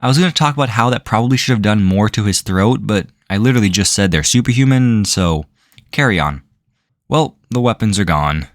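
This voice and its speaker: A man's voice: fairly low pitch, expressive, a little fast, background noise. A man giving sarcastic video commentary as a reviewer, with a dry, incredulous way of asking questions.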